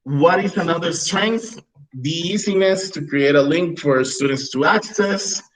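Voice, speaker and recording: In poor audio, a man in his thirties from Peru runs a webinar for English teachers over a video call. Spanish is his native language, and his voice is on the high side and a little slow as he explains, often checking in with "right?"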